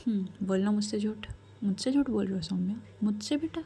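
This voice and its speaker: A woman voicing a calm, commanding royal grandmother who gives measured, firm advice. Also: mid-range voice, vocal fry, a little hiss or hum, lightly acted. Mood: firm counsel.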